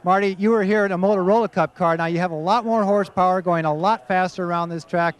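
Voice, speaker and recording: A man reports from victory lane with a high, eager voice. He leads the drivers with enthusiastic questions. He is outdoors at a racetrack. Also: steady tone, quick pace. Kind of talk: post-race interview.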